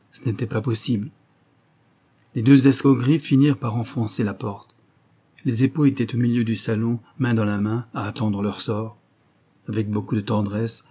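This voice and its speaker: A man narrating an audiobook in a sober, measured, grave manner. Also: lowish voice, warm tone.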